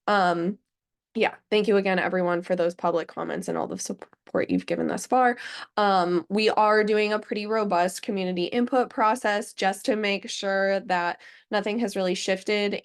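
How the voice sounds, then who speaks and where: Woman, sick, gravelly fry, earnest meeting update. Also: fairly low pitch. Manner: filler-heavy, earnest. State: sick, under the weather. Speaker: working group lead.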